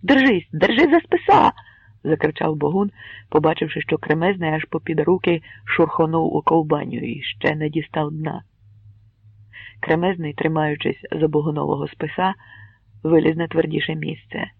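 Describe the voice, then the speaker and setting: Gravelly husky man reading a story. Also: on the high side, moderate pace, dry recording, narrow, tinny audio. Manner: expressive storytelling. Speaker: narrator. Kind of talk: audiobook reading.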